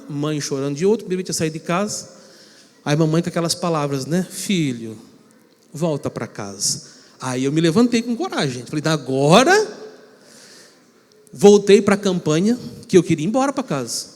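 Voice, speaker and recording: Lively high-voiced man preaching. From São Paulo state, Brazil. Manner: animated storytelling, acting out quotes. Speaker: pastor. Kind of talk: sermon with personal story. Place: church sanctuary. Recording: long reverb of a church hall.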